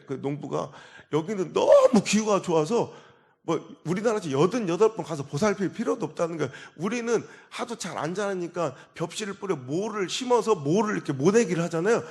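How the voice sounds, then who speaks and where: A man in his forties, a pastor preaching a revival sermon, telling stories with sudden loud outbursts and quiet asides. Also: high voice, animated, fairly quick, creaky. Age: 40s.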